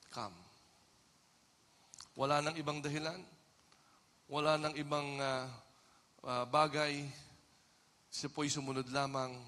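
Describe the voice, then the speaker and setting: A Filipino man preaching a sermon as pastor, swinging from hushed passages to shouted ones. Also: mid-range voice. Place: church hall. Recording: long hall reverb.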